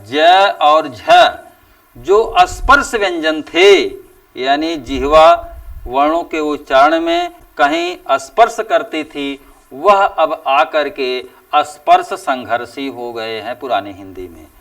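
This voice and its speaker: Male teacher, higher-pitched and gravelly, drawn-out deliberate lecturing. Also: sing-song, fairly bright tone, far from the mic. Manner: slow and deliberate, stretching out example sounds with emphatic rises. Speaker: Hindi teacher. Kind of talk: classroom lecture.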